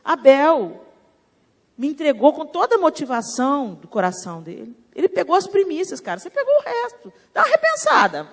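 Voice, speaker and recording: A woman's voice: sits high, wildly swooping pitch, a little fast, voice pushed up, full character voice. A woman preacher voicing a patient, fatherly God who scolds in a casual, affectionate way, heard in a church hall with long reverb. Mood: teasing.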